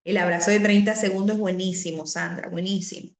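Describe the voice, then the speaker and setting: A woman's voice: lowish voice, steady tone, fairly quick, gravelly. A woman teaching an online class over a video call. She explains things conversationally, repeats key words and often adds asides. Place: home or office on a video call. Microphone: computer mic on a video call. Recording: roomy video call audio.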